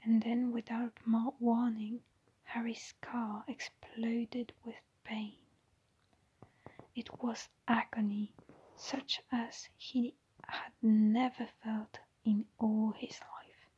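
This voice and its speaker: A woman reading a story aloud in a soft, unvoiced whisper, slow and hushed, with the odd small restart. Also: on the high side, little pitch movement, slightly rough. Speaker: reader. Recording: dull lo-fi recording.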